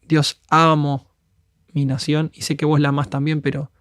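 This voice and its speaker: An Argentine guest speaker on a podcast, with an Argentine Spanish accent, preaches in a conversational but earnest, fervent way, acting out prayers as quotes. His voice is on the high side and fairly bright, level in tone at normal speed, in clean studio sound without echo.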